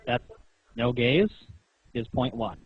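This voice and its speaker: Slow and medium-pitched with a breathy edge, a man on the phone insistently questions and lectures as he explains. He is the caller in this pointed exchange, and the recorded call sounds muffled and roomy.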